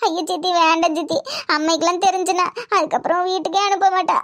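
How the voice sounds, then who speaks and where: A woman's voice: very high voice, steady tone, fast, fairly bright tone. A woman with a Tirunelveli Tamil accent voicing a timid young girl who pleads and apologizes in a cartoon. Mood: pleading.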